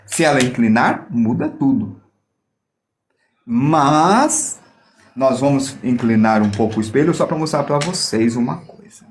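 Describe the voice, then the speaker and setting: A man's voice: mid-range voice, sing-song, unhurried, slight background noise. A man teaching a drawing lesson on reflections, explaining step by step and joking with viewers as he demonstrates with a mirror. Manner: playful, jokes with viewers while demonstrating. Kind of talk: live online art lesson.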